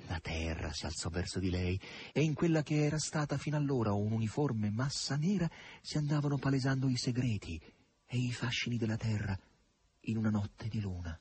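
A man's voice: mid-range voice, brisk, a little mellow, slightly rough. A man reading a novel aloud with dramatic, lilting narration. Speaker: audiobook reader. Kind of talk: expressive literary narration.

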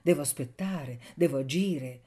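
A woman's voice: deep voice, a little slow, warm tone. A woman voicing an earnest, anxious young man in love, pleading fervently in an audiobook reading.

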